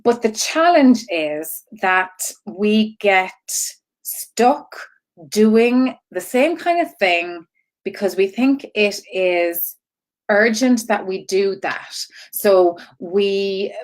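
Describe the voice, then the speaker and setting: A woman's voice: mid-range voice, expressive, takes it slowly. A woman with a mid-range voice teaches informally as an online coach. She rambles, drifting into tangents and looping back to her point. She often repeats phrases and tags them with little questions to check that listeners follow. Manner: repeats herself and checks in with "right?" and "okay?". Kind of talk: informal live-stream teaching to creatives.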